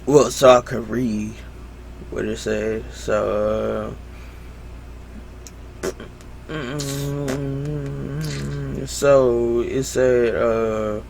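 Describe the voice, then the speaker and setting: Hosting a solo podcast from home late at night, a young man speaks in a mid-range, creaky voice with a steady tone. His talk is slow and drowsy, loose and rambling, packed with fillers, and he keeps cutting off his own sentences. Background noise can be heard.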